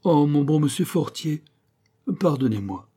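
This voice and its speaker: A man's voice: medium pitch, moderate pace, warm tone, voice pushed up, natural voice. A man voicing a clumsy teenage schoolboy who pleads and whines with his teacher, in an audiobook. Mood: pleading. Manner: pleading, whining.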